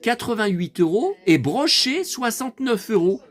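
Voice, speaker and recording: Excitable rambling man vlogging. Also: high-pitched, normal speed. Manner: excitable, rambling, addresses viewers directly. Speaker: collector vlogger. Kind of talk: casual collector vlog talking to viewers.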